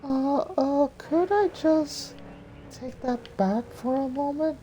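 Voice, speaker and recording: A man voicing a nervous young woman from an animated film script in a high falsetto, over background noise. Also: takes it slowly. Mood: hesitant.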